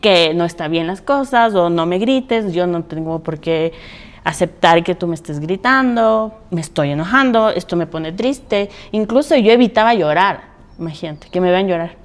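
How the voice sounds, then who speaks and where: A woman's voice: lowish voice, normal speed. A woman in her thirties hosting a parenting podcast, talking animatedly and laughing often. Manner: animated, laughs often, acts out quoted voices. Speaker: podcast host. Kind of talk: casual conversation.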